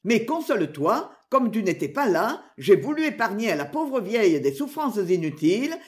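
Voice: medium pitch, big pitch swings, normal speed, lightly acted. A woman voicing a sneering brutal sergeant. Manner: sneering, taunting. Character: brutal mocking male sergeant.

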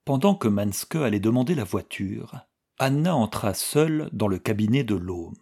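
A man narrating an audiobook in a measured, expressive way. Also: lowish voice, gravelly, husky. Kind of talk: audiobook reading.

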